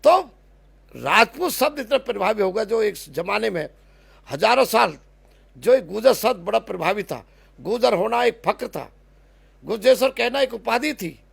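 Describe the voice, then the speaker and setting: Man, high voice, gravelly fry, impassioned argument, emphatic. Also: lively intonation, normal speed. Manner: emphatic, repeats and restarts words, lists places.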